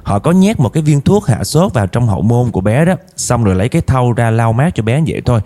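Expressive male storyteller, warm dark tone. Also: medium pitch, quick pace. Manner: addresses listeners directly, emotional retelling. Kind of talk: dramatic first-person story narration.

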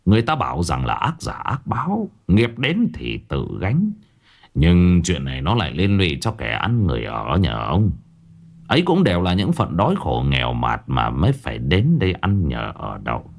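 A man voicing a stern old male exorcist who speaks slowly and gravely. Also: sits low, huge pitch swings, voice pushed down, exaggerated voice. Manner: slow, measured, grave.

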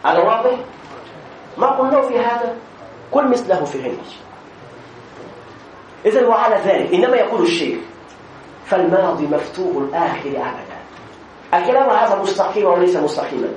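A man's voice: high-pitched, lively intonation, brisk, pauses often. A man teaching a grammar lesson as a sheikh, asking questions and answering them himself, with frequent hesitations and repeated words. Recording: echoey room, distant mic, faint noise.

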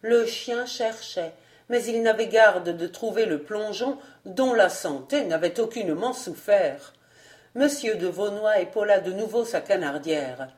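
A woman reading a classic novel aloud as an audiobook narrator, measured and deliberate. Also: medium pitch, lively intonation, darkish tone.

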